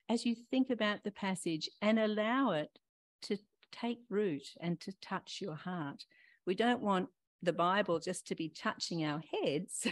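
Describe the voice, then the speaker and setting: An older woman preaching a gentle, reflective sermon, talking straight to her listeners and asking them questions. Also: mid-range voice, no room sound. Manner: warm questioning, talks to listeners directly.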